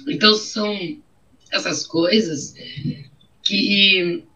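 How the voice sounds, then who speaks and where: A woman's voice: mid-range voice, fairly even intonation, slow, bright, forceful tone. A middle-aged woman with a Brazilian accent, telling her own story in an interview, emotional and repeating her phrases. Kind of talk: personal testimony in an interview. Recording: dull, muffled audio.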